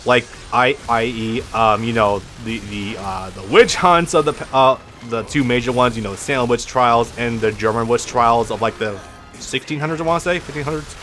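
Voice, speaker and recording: A man's voice: mid-range voice, moderate pace, a bit bright, soft background music. A man with a lisp giving casual, rambling gameplay commentary as a let's play host, swearing freely and restarting his sentences often. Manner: rambling, profane, frequent restarts.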